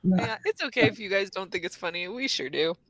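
A woman player, relaxed and giggly, wrapping up the story of the game. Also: mid-range voice, fairly quick, dry recording. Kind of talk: casual game play.

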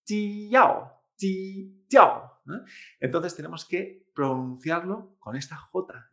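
A male Chinese teacher giving a pronunciation lesson, patiently modelling each sound slowly and repeating it, often tagging "¿eh?" and "¿vale?". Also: fairly high pitch, a bit bright. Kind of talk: language lesson.

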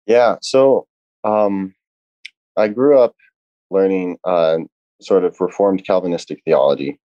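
A young man with a very low, dark voice talks earnestly as a podcast guest, stopping and restarting often. The sound is dry and dull. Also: dry recording. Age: young adult. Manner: earnest, halting, many "uh" and restarts. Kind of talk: casual podcast conversation.

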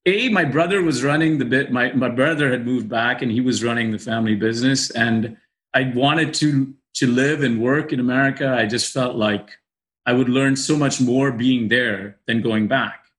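A man's voice: mid-range voice, normal speed, fairly bright tone. A man from the UAE, a guest in a casual interview, telling his story candidly with frequent laughs and restarts. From grew up in the UAE. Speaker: podcast guest, managing director.

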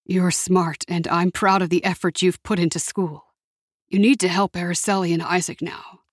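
A woman voicing a caring middle-aged uncle who speaks in a gentle, serious way. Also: lowish voice, level tone, moderate pace, no room sound, clean studio sound, natural voice.

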